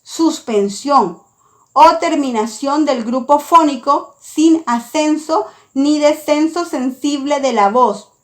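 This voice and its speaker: A woman teaching a lesson, reading out a scripted explanation in a careful, deliberate way. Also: sits high. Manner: slow, careful, deliberate delivery.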